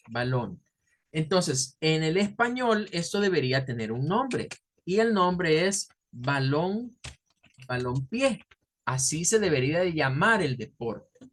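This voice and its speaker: A man teaching a class, explaining step by step, slowing down to stretch key words and often checking with his students. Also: on the high side, fairly bright tone. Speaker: English teacher. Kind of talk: online class lecture.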